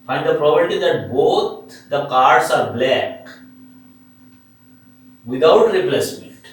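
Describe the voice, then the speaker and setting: Slow Indian-accented male teacher in echoey room. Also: on the high side, lively intonation. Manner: repetitive, poses questions and answers them himself. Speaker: maths teacher. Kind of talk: classroom lesson, explaining step by step. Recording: echoey room, distant mic, faint noise.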